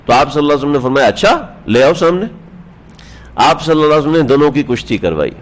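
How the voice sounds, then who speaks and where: Animated male preacher telling stories. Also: fairly high pitch. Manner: lively storytelling with rhetorical questions to listeners; chuckles while telling anecdotes. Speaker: religious scholar. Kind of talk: Urdu sermon on the Prophet's life. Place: standing on a prayer mat, indoors.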